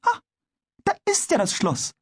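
A woman's voice: a little high, huge pitch swings, a little slow, breathy edge, full character voice. An actress playing a friendly, chatty neighbour woman who comes to collect an order from a carpenter. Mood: pleased.

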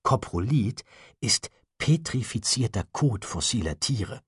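A sly, curious teenage boy, put on by a male audiobook narrator, his voice husky and lifted higher than the narrator's, with a dry, close sound. He teases his friend as he explains things. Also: lively intonation, a little slow, no echo. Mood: teasing. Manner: teasing, explaining.

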